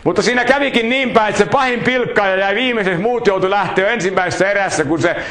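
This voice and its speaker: A man's voice: sits high, fairly bright tone, echoey room. A man preaching a sermon, telling folksy anecdotes with humor.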